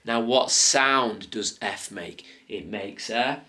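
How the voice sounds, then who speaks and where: A man's voice: on the low side, slow, pushed and bright. A man teaching a toddler letters in playful, simple talk with coaxing questions and praise, and asides to viewers. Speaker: parent teaching phonics to a toddler.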